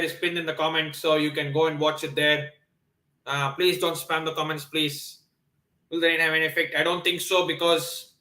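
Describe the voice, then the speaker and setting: Recorded poorly in an echoey room, this fairly high-pitched male voice belongs to a livestream watchalong host from Nepal whose first language is not Hindi. He excitedly talks through a football match and replies to viewers, full of fillers and false starts.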